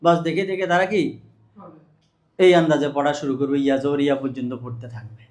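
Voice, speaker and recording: A man with a high-pitched voice lectures on teaching Quran reading. He keeps asking questions and answering them himself. He slows down to drill syllables one at a time. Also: steady tone, darkish tone. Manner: asks and answers his own questions, drills syllables slowly.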